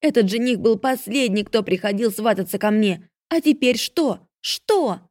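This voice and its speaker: A woman voicing a spiteful young stepsister who yells with jealous scorn. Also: medium pitch, animated, normal speed, husky, dry recording, clean studio sound, pitched above the performer's own voice. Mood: scornful. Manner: yelling, scornful.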